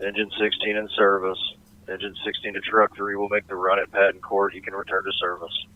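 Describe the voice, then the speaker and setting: A man's voice: deep voice, monotone, fairly quick. A man on a fire engine crew calling in over a police radio, speaking in clipped, procedural phrases. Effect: police radio transmission. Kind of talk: terse radio call-ins. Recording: tinny narrow radio with faint hiss.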